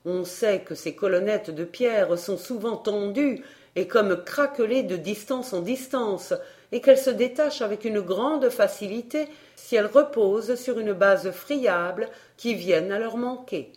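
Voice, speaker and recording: Slow, measured woman storyteller. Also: medium pitch, darkish tone. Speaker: audiobook narrator. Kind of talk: audiobook reading of a classic tale.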